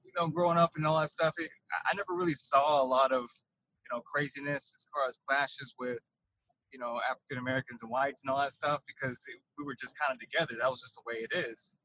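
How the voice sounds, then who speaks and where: A man speaking as a podcast guest from inside his truck, his voice carrying a windy, tunnel-like sound. He talks haltingly and often repeats words while he thinks. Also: medium pitch, steady tone, bright, forceful tone. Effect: windy, tunnel-like truck-cab sound. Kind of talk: casual interview over a call. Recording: muffled windy truck-cab recording.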